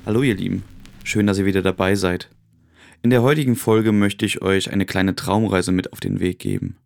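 A man narrating a guided relaxation in a calm, gentle, soothing way, with long pauses. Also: low-pitched, vocal fry. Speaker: podcast host.

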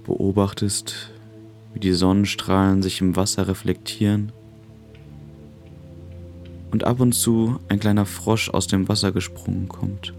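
A man narrating a guided relaxation in a calm, gentle, soothing way, with long pauses. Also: sits low, creaky, faint music behind. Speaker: podcast host.

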